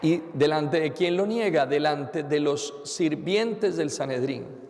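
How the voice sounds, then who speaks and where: Gravelly-voiced priest preaching in a reverberant church. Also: male voice, on the high side, slow pace, darkish tone. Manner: earnest preaching with rhetorical questions and repeated phrases. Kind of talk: sermon.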